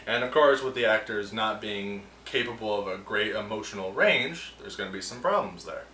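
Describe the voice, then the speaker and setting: A man's voice: fairly low pitch, animated, normal speed, pushed and bright, slight background noise. A man hosting a film review show, ranting with sarcasm and animation in a casual, opinionated way. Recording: roomy echo, distant mic, faint ambience.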